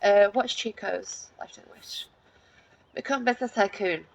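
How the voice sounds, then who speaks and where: Over poor audio, a woman with a medium-pitched, fry-tinged voice casually narrates her life-sim gameplay at a normal speed. She's a let's play gamer who rambles with plenty of fillers and restarts, laughing lightly as she pokes fun at herself.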